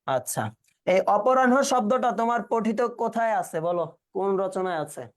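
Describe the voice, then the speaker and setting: A man's voice: sits high, expressive, moderate pace. A man teaching an exam-prep class, quizzing students and repeating their answers back in a casual way.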